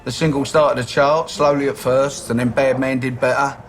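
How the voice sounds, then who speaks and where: A man's voice: medium pitch, little pitch movement, moderate pace, a little hiss or hum. Cockney man telling band stories. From East London. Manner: rambling, profane storytelling with slang. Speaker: band member interviewee. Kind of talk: documentary interview recollection. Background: music underneath.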